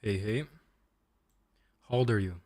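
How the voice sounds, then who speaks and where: During his chess stream, a young man in his twenties talks casually about the game, repeating short phrases often. He has a lowish, darkish voice and a measured pace, recorded with no echo.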